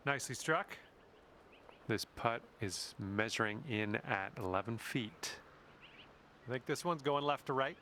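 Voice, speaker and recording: A man's voice: mid-range voice, unhurried, long pauses, pushed and bright, a little hiss or hum. A man giving encouraging golf commentary in a video game, speaking directly to the player.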